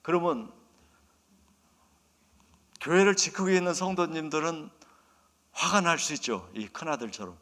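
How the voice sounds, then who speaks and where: A pastor preaching a storytelling sermon, dropping to soft asides and rising to loud emphasis. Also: male voice, a little high, measured pace, pauses often. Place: church sanctuary. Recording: long reverb of a church hall.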